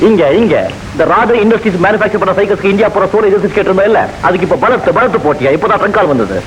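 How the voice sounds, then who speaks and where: An actor playing a hurried young businessman who talks in clipped bursts, in a 1970s film scene. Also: high voice, slight background noise, lightly acted, poor audio. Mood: urgent. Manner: rapid, clipped, urgent. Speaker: friend and business partner.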